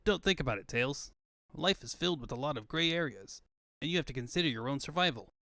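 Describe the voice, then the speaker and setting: A man's voice: a little high, lively intonation, fast talker, pushed and bright, no room sound, studio quality, pitched below the performer's own voice. A man voicing a cocky, easygoing young hedgehog hero in a comic book fandub. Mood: easygoing, advising.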